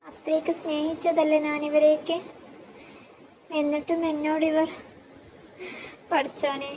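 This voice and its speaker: Tearful young wife, pleading, raised high voice, little pitch movement, as a woman plays her, storybook. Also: background noise. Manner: pleading, choked with grief.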